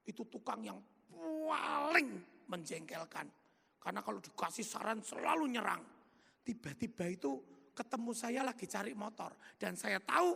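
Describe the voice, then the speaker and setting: Male lay preacher, animated testimony style, bright, husky voice with long hall reverb. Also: sits high. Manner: animated storyteller who acts out dialogue. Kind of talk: sermon testimony. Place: large hall at a revival meeting.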